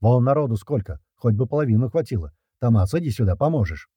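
A man voicing a bossy male camp cook who yells at a lazy comrade. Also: medium pitch, lively intonation, quick pace, husky, no echo, voice pushed up. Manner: bossy, shouting.

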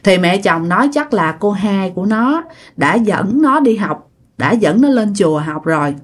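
A woman's voice: medium pitch, lively intonation, normal speed. A woman telling a ghost story, talking straight to her listeners. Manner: chatty, addresses listeners directly. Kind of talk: casual ghost-story narration.

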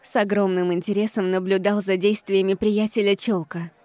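A woman's voice: mid-range voice, flat delivery, normal speed, mellow, no echo. A woman reading a first-person audiobook with an ironic, exasperated tone. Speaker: audiobook reader.

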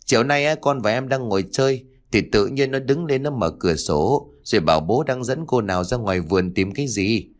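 A man voicing an eager young boy explaining to his parents in an audio story, quick and chatty, pitched up from his own voice. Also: lively intonation, close to an everyday voice.

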